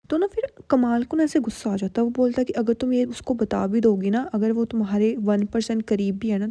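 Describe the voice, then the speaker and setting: Woman doing a casual drama recap, soft mellow voice, dry close mic, tosses in cheeky asides. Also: mid-range voice, no room sound. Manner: chatty, with playful asides to the listener. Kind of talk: casual Hinglish story recap.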